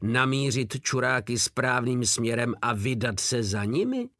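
A man's voice: mid-range voice, animated, no echo, studio quality. A man voicing a crude, mocking male soldier in an audiobook war story. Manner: loud, mocking.

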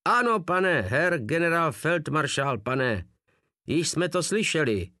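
A man voicing a frightened soldier who rattles off hurried, stiffly formal replies, in an audiobook reading. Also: a little high, animated, fairly bright tone, dry recording, clean studio sound, pitched above the performer's own voice. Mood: nervous. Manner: hurried, nervous military replies.

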